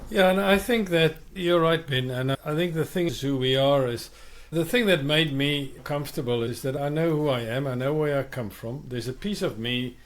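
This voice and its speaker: A middle-aged man with a South African accent co-hosts a podcast, speaking thoughtfully and emphatically about migration in a reflective conversation. His voice is fairly high, at normal speed with few pauses.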